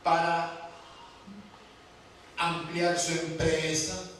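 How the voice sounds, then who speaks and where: A man preaching a sermon at a slow, deliberate pace, his voice a little high for a man. He presses his points with rhetorical questions to the congregation. He is picked up from a distance in a very echoey church hall, with faint background noise. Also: completely flat delivery, a bit bright.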